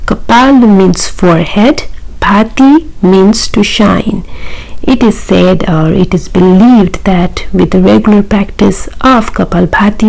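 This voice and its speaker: A woman yoga instructor teaching breathing practice in an unhurried, gently instructing way, with a husky, breathy voice. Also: mid-range voice, rough recording.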